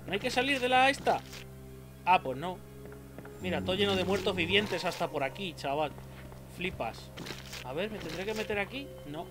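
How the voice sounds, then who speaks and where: A young man from Spain with a Spanish accent, streaming a game and talking through it, excitable and swearing often. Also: high-pitched, moderate pace, long pauses. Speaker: gameplay streamer. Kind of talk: let's play commentary. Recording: game music playing behind.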